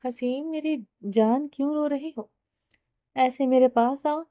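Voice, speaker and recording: A woman's voice: high-pitched, fairly even intonation, dark tone, no echo, studio quality, natural voice. A woman voicing a ruthless young mafia boss who speaks firmly and presses his words. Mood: stern, pleading.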